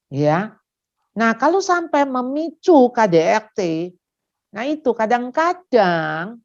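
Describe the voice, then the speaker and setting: A woman speaker at a parenting seminar, talking animatedly and acting out little parent-and-child exchanges. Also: medium pitch. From Indonesia. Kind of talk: seminar talk. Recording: dull lo-fi sound.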